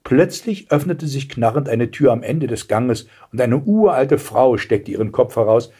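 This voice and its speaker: A man narrating a satirical fairy tale in an expressive storybook reading. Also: medium pitch, normal speed, slightly rough.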